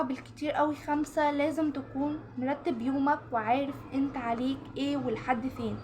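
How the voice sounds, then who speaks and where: A woman with an Egyptian Arabic accent giving direct study advice to the camera in a casual vlog. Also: high-pitched. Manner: direct, coaching, talks straight to the viewer. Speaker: study-tips vlogger.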